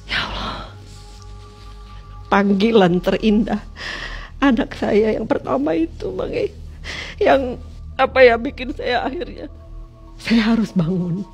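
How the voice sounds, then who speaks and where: A woman from West Java, a guest telling her own experience in an emotional storytelling way. She swings between loud cries and hushed, lowered passages. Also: slow pace, gravelly, long pauses, breathy edge, faint music behind.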